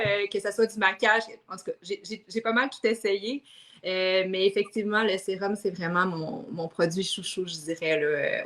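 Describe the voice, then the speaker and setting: A woman's voice: medium pitch, a bit bright. A woman, chatting as a guest and hesitating often as she talks. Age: 30s. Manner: chatty, hesitant, trails off with fillers. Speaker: guest customer. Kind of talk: casual chat.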